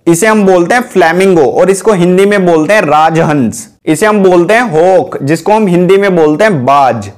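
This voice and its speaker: A man's voice: high voice, a little mellow. A man teaching English vocabulary to viewers in a chatty way, often calling them guys and correcting himself as he goes. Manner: chatty, keeps saying "guys"; corrects himself mid-lesson.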